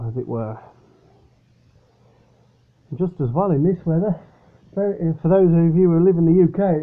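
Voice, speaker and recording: A man casually reviewing a drink from his upstairs bedroom, rambling and hesitant. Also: on the high side. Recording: tinny, phone-like sound.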